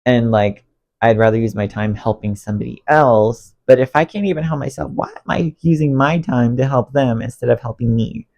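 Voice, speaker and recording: A man with a medium-pitched voice and vocal fry vlogs at a moderate pace as he tidies his bedroom, congested and losing his voice. His rant is rambling and emotional, full of self-talk and expressive swings, filmed on a phone on a stand under a ring light.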